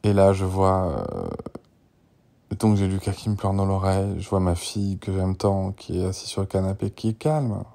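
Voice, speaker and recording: A man in his thirties talks through a candid audio diary in a low, gravelly, dark-toned voice. He rambles with frequent restarts and filler, and at times sinks into a breathy whisper. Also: lively intonation, normal speed. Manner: rambling and emotional, with many restarts and "tu vois"; drops to a breathy whisper at tense moments. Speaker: father recording a personal audio diary.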